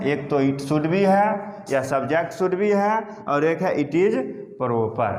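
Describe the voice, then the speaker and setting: A man teaching English grammar in a classroom-style lesson, asking questions and answering them himself while repeating key terms. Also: on the high side. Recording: echoey room with long reverb.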